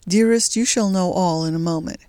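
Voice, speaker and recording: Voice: medium pitch, mellow, clear, resonant tone, dry recording, lightly acted. A reader voicing a bold young resistance fighter. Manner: brisk, determined. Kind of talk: audiobook character voice.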